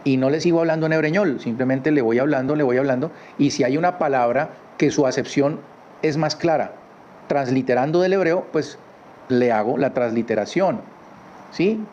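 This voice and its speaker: A man teaching a religious lesson from his home in a conversational way, often adding quick tag questions. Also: mid-range voice, a little mellow. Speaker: Torah teacher. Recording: slightly dull recording with faint background noise.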